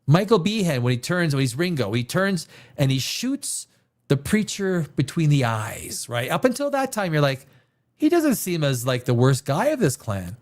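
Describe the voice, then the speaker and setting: Very animated and speaking at normal speed, this man has a voice on the slightly high side. He's a Canadian livestream host giving rambling, opinionated film commentary, repeating phrases to push his points.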